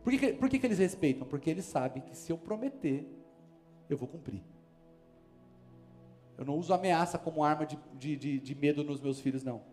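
Brazilian pastor, male, higher-pitched, forceful emphatic sermon delivery, soft music underneath. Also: expressive, a little fast, long pauses. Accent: Brazilian Portuguese. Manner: emphatic, preaching with rising force and sudden calls. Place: church service.

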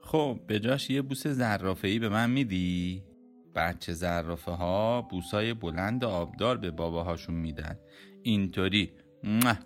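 A woman voicing a kind, patient papa bear who gently coaxes his cub in a storybook reading. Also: rumbling low, soft background music, voice pushed down. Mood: coaxing. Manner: gentle, coaxing, playful.

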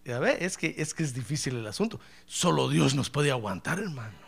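Lively gravelly preacher. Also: male voice, medium pitch, a little fast. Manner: humorous, acts out dialogues, addresses listener as brother. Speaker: pastor. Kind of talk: sermon.

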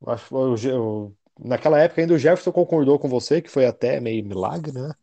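A man's voice: medium pitch, quick pace, mellow. A man with a Brazilian Portuguese accent in casual sports chat, talking in a slangy, conversational way. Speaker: American football fan co-commentator.

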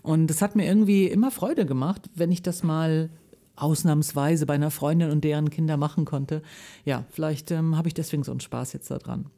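Woman guest reader in a radio studio, warm mellow voice, lively children's-book storytelling. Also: a little fast. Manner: lively storytelling with shifting pitch. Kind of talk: live reading of a children's book, then chat.

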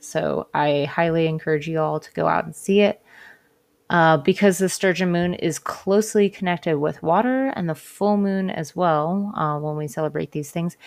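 A woman hosting a casual spiritual talk and tarot reading, speaking in a gently encouraging, hesitant, informal way. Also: low voice, creaky. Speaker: podcast host and tarot reader. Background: cards being shuffled at times.

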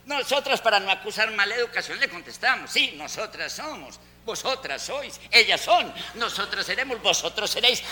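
On a school fair stage, a man with a high, bright, forceful voice performs a comic monologue as a gossipy old Antioquian woman. Speaking in an Antioquian Colombian accent, he spins a chatty, wry tale full of mock-quoted dialogue.

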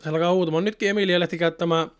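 A man's voice: sits high, fairly even intonation, clean tone. A man in casual conversation, talking in a rambling, chatty way with many fillers. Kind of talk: casual chat.

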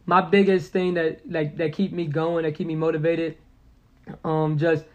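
An Indianapolis man in his early twenties appears as a podcast guest, talking casually, earnestly, and motivationally, repeating phrases for emphasis and using lots of slang. His voice is a little high and a little mellow, with little pitch movement at a normal speed.

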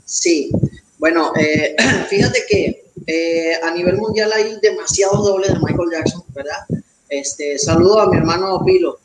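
A man's voice: high voice, animated, measured pace. A man with a Venezuelan accent, a guest in a casual interview, speaking in hesitant, repeated phrases. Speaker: guest, celebrity impersonator. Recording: echoey room with loud background noise.

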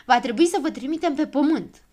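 A woman voicing a calm, know-it-all little male gnome in a storybook reading who patiently explains things. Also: high voice, voice pushed up. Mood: explaining.

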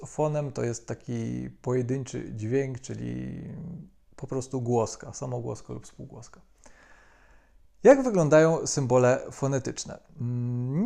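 A man delivers a methodical video lesson in a calm, explanatory tone. His voice is dark and gravelly with a mellow edge. He often pauses on hesitation fillers between phrases. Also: medium pitch. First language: Polish. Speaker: language teacher.

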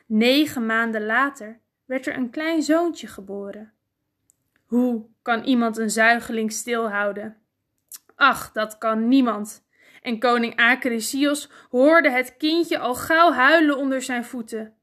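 Slow, expressive woman storyteller. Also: fairly high pitch. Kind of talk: storybook narration of a myth.

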